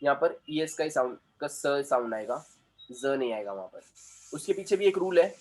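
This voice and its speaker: A man's voice: medium pitch, lively intonation, normal speed, a little mellow. A man teaching a class as a communication trainer, explaining points at length, repeating himself and checking that the students follow. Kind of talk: classroom lecture.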